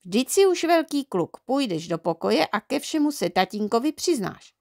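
Rozhořčená, přísná maminka se zvýšeným, ostrým hlasem, která hubuje a vyčítá, jak ji předčítá žena v audioknize. Hlas je posazený výš a hlasitěji, se zrnitým chrapotem, nahraný suše a zblízka. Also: female voice, sing-song, gravelly, a little mellow, no room sound, studio quality. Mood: firm, questioning. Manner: scolding, shrill and emphatic. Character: stern, indignant mother of a small boy. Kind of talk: audiobook character reading.

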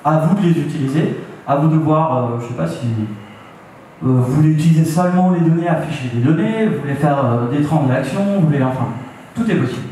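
A man's voice: a little high, a little fast, warm tone, a little hiss or hum. A young man giving a talk at a meetup into a handheld microphone, hesitant with many fillers and restarts. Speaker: meetup speaker. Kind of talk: presentation talk. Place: meeting room with audience. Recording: echoey room, from far off.

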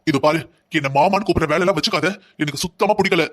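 A man's voice: fairly high pitch, racing, lightly acted. A young man voicing a stubborn, resentful husband in a cartoon drama, speaking harshly and defiantly. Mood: contemptuous.

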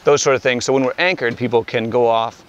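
A man's voice: mid-range voice, steady tone, fast talker, highs cut off, a little hiss or hum. Easygoing man captain on deck. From Cape Cod, USA. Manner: easygoing, plain-spoken, wry. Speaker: ship captain. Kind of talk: casual interview. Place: outdoors on a wooden schooner deck. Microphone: lavalier.

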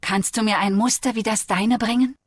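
A vain, lonely rattlesnake, read by a woman, speaks in a slow, rough hiss that pleads and flatters. Her voice sits higher than plain narration and sounds close and dry, with no room around it. It is a storybook creature in a video game. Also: dry recording, natural voice. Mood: pleading. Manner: pleading, flattering, then bitter. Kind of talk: fable reading in a video game.

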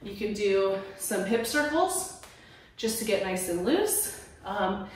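Slow-talking woman coaching a home workout. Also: mid-range voice, big pitch swings, a little mellow, slight background noise. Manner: encouraging, coaching while moving. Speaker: fitness trainer. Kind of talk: workout instruction. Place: small room at home. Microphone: camera at a distance. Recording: very echoey room, far from mic.

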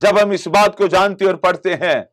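Speaking at a moderate pace in a high voice, a middle-aged pastor from Pakistan preaches a televised sermon from a studio through a lapel mic. His emphasis is impassioned, climbing and dropping as he goes, and both his hands keep moving in constant gestures.

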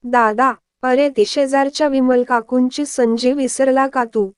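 A woman's voice: sits high, fairly even intonation, measured pace, smooth, no echo, studio quality. A woman voicing a young man who keeps teasing his younger brother.

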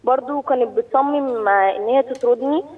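A young woman from Cairo with an Egyptian accent, calling in to a radio show over the phone and telling her story in an earnest, halting way. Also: sits high. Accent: Cairene Egyptian Arabic. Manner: earnest, halting, with frequent pauses. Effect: phone call heard over the radio. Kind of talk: telling a personal story on air. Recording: tinny distant phone line.

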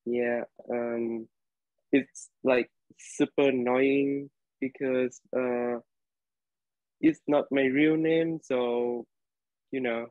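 Talking very slowly with fairly even intonation and a medium pitch, a young man with a Vietnamese accent shares a story from class. He's a college student from Vietnam on a video call in his living room, hesitant and filler-heavy, picked up by a laptop webcam as dry, tinny audio with no echo.

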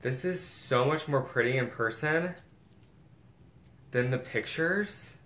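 A man's voice: mid-range voice, slow pace, fairly bright tone. A man chatting casually as a vlogger, gushing and chatty as he shows off bags. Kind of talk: casual unboxing chat. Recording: echoey room with faint background noise.

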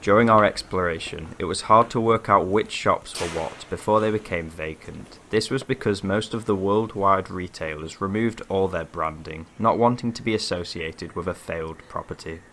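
A man reading a scripted documentary voice-over with a measured, even delivery. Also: deep voice, slight background noise. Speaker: narrator. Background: background music.

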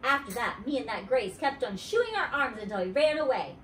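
Animated woman reading storytime aloud. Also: a little high, brisk, far from the mic, a little hiss or hum. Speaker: children's story reader. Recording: roomy, away from the mic.

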